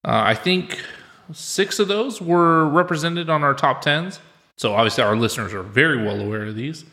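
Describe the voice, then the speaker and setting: Bright-voiced male podcast host in an empty room. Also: a little high, moderate pace. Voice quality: sounds like recorded in an empty room. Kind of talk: casual film podcast chat.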